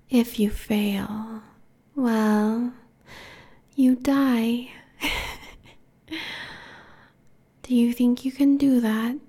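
A woman voicing a cruel, domineering immortal queen in a hushed, breathy whisper, slow and menacing. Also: fairly high pitch, heavily acted. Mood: commanding. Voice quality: breathy whisper with gravelly fry. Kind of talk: whispered audio roleplay.

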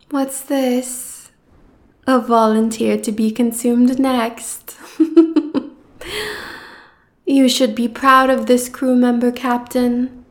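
A woman voicing a cruel, gloating giant goddess who speaks in slow, taunting threats. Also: a little high. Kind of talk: fantasy audio roleplay.

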